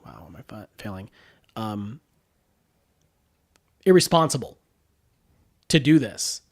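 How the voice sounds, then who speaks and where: A man's voice: fairly low pitch, lively intonation, slow pace. A man co-hosting a podcast in casual chat, blunt and opinionated, swearing as he talks. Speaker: podcast co-host.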